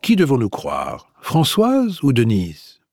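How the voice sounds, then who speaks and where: A man voicing a fussy, excitable examining magistrate in an audiobook, with a raised, eager delivery. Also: mid-range voice, slow pace, no echo, clean studio sound, heavily acted. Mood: animated.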